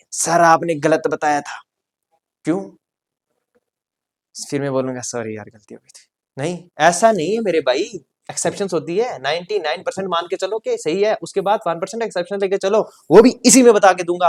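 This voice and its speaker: A male teacher walking students through grammar for their exams. He talks in a joking, animated way, coaxing his class with constant quick questions. One moment he is loud, the next he drops to a soft aside. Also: high voice. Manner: chatty and joking, with lots of rhetorical questions to students. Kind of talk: exam-prep grammar lesson.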